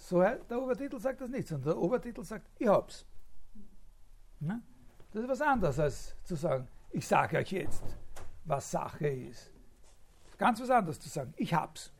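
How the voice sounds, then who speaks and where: A man lecturing off the cuff in a slightly raised, gravelly voice. He hesitates constantly, fills gaps with drawn-out filler sounds and checks in with short tag questions. He rephrases himself mid-sentence as he works his ideas out. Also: high-pitched, lively intonation. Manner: thinks aloud, rephrasing and restarting. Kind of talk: spontaneous academic lecture.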